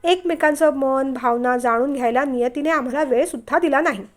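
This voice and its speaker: High-voiced woman reading a family story. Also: brisk. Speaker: story narrator.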